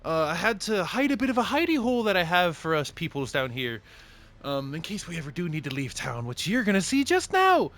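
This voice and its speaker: A man's voice: high-pitched, big pitch swings, fairly quick, fairly bright tone, voice pushed up, exaggerated voice. A man voicing a cheery, motherly little dwarf woman apothecary in a tabletop game. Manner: sing-song, calls people honey.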